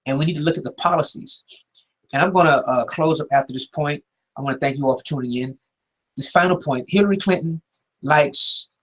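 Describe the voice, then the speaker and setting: A man's voice: fairly high pitch, breathy edge, poor audio. A middle-aged man hosting a radio talk show, giving earnest, preachy political commentary with many hesitations.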